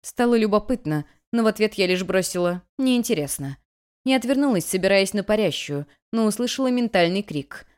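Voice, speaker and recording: A woman narrating a first-person fantasy audiobook in a lively, expressive reading style. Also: medium pitch, brisk, hardly any pauses, smooth.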